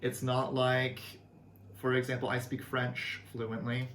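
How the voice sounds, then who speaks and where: Speaking a little slowly in a monotone, mid-range voice with a fairly bright tone, a young Canadian language teacher walks through a casual video lesson. He is friendly and earnest, with some fillers, and the echoey recording has faint ambience plus a little hiss or hum.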